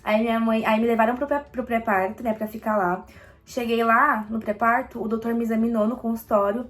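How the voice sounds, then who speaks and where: A young Brazilian woman casually telling a personal story, animated and acting out quoted lines. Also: on the high side, a little fast.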